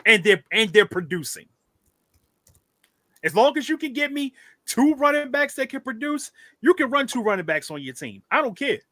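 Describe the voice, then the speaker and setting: Casting: man, co-host, emphatic and repetitive, bright forceful tone, dry close sound. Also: very high-pitched, moderate pace, no room sound. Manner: animated, emphatic, swearing, repeats phrases. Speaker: podcast co-host. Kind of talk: casual sports chat.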